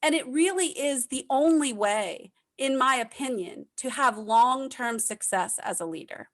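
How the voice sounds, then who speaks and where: A woman's voice: high-pitched, expressive, unhurried, a bit bright. A woman from the United States, a leadership consultant who speaks emphatically as a podcast guest and repeats key points for effect. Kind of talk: casual interview chat.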